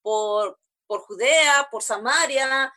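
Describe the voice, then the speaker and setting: A woman's voice: high-pitched, slow pace, pushed and bright, exaggerated voice. A woman preacher acting out an eager, puzzled male disciple who keeps pressing with questions. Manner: pleading, questioning.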